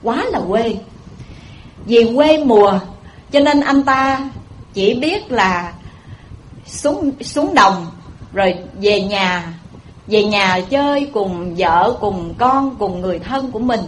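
A woman's voice: fairly high pitch, lively intonation, slow pace, slight background noise, poor audio. A woman with a Southern Vietnamese accent giving a Buddhist dharma talk, telling a folksy story and addressing listeners directly. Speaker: Buddhist preacher.

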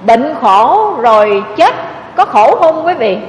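A woman's voice: high voice, sing-song, takes it slowly, slight background noise. A Buddhist nun, preaching a sermon with emotive storytelling and often addressing her listeners directly. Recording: echoey hall, dull lo-fi sound.

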